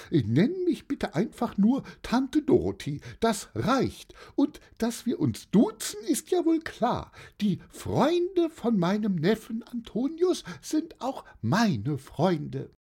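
A narrator voicing a cheerful, excitable elderly aunt who chatters with little "äh" fillers, in a storybook reading. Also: slow, hardly any pauses, slightly rough, exaggerated voice. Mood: bubbly. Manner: bubbly, high and excited, with hesitant "äh" fillers. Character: cheerful elderly aunt hosting a birthday party.

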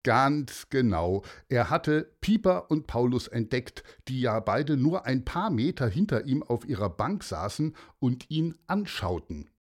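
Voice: medium pitch, unhurried, hardly any pauses. A storyteller reading a bedtime story to children, speaking to the listeners directly. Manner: warm, lively, addresses listeners directly.

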